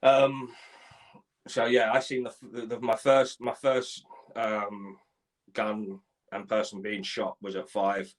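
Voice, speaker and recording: An Irish man in his forties, appearing as a guest in a live interview, tells his life story haltingly, restarting often and repeating words. His voice is fairly low in pitch with a flat delivery, and the recording is rough.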